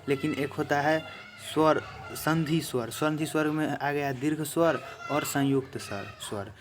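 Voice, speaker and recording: A male teacher giving an exam-prep grammar lesson, repeating each definition slowly and talking to viewers as friends. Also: a little high. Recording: faint background noise.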